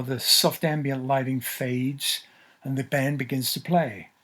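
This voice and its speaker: Husky male storyteller, measured. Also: mid-range voice, fairly bright tone. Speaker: narrator. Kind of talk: scripted narration.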